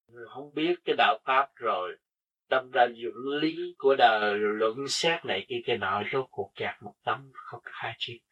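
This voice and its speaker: A man delivers an earnest spiritual sermon, teaching through rhetorical questions. His voice is husky and sits at an ordinary pitch. It sounds captured from well away from the mic on a dull, lo-fi recording. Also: a bit bright, distant mic.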